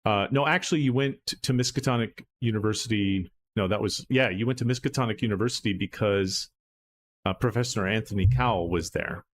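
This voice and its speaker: A man's voice: fairly low pitch, fairly quick, a little hiss or hum. A man acting as game master, recapping a tabletop horror game in a loose, rambling way full of fillers and restarts.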